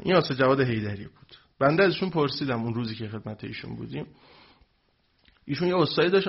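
A man with a somewhat high, husky voice spins an anecdote for a gathered audience. He tells it with animation and briefly puts on the voices of the people he quotes. The recording is dull and lo-fi. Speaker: speaker telling a religious anecdote to an audience. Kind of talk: spoken storytelling to a live audience.

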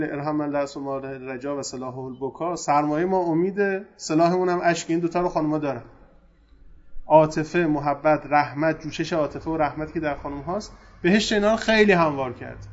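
A man giving a colloquial religious lecture, conversational and emphatic, swinging between loud and soft. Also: a little high. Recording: dull lo-fi recording.

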